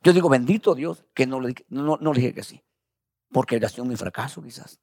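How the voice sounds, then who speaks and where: A man's voice: mid-range voice, fairly quick, gravelly, darkish tone, no room sound, studio quality. A man preaching as a pastor, telling his story in a conversational way and often calling his listeners brother. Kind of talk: testimony sermon.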